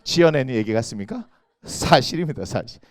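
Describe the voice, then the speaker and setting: A middle-aged man preaching a lively sermon as senior pastor, telling stories in an animated way and acting out quoted voices with sudden shouts. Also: mid-range voice, fairly quick, no echo, clean studio sound. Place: church sanctuary.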